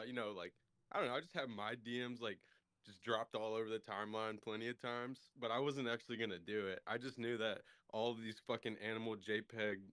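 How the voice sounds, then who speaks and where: A man with a lowish, smooth, resonant voice talks in a laid-back, offhand way, swearing freely. He sounds close and dry, like someone chatting from home into a call. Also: a bit bright, no echo. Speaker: co-host. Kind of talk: casual chat.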